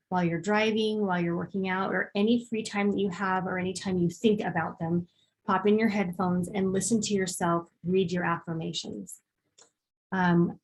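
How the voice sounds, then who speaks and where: A woman talks through a personal growth workshop at an easygoing pace. Her voice sits in an ordinary middle range, and she fills her explanations with ums and quick acted examples. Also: medium pitch. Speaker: workshop presenter. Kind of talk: casual workshop talk.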